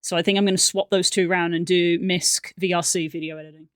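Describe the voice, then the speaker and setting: A woman streamer with a fairly low, level voice talks fast, muttering and thinking aloud to herself in a loose, casual way as she sorts and edits clips. The studio recording is clean, with no echo.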